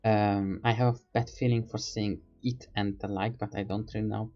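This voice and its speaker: A man's voice: fairly low pitch, little pitch movement, normal speed, a little mellow, muffled recording, soft background music. A man streaming, telling a rambling casual story in non-native English, hesitant and full of fillers as he searches for words.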